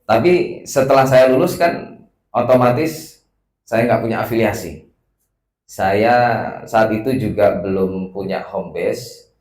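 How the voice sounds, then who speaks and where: A man's voice: fairly low pitch, takes it slowly, long pauses, darkish tone, echoey room, poor audio. A man from West Sumatra whose Indonesian has a Javanese lilt, giving a casual, self-deprecating welcome speech as an institute's director, with many filler sounds. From Padang, West Sumatra. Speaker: executive director of a research institute.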